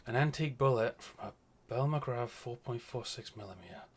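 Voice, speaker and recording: A man's voice: medium pitch, moderate pace, breathy edge. A man streaming a video game, reading dialogue aloud with wry, mumbling commentary. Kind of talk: casual gameplay commentary.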